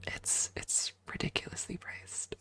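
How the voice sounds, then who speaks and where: Speaking at a measured pace in a pushed, bright voice, a woman streamer chats casually in an ASMR livestream, thinking aloud right up against a close microphone set up for ASMR.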